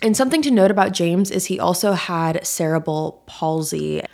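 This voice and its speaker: Lower-pitched woman, true crime podcast narrator. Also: lively intonation, normal speed, vocal fry, darkish tone. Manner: true crime narrator, casual and direct to listeners. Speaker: podcast host.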